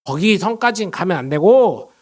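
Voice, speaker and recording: High-voiced man preaching a lively sermon. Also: moderate pace. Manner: lively preaching, calls out questions to the congregation; switches between solemn blessing and chatty storytelling. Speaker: pastor.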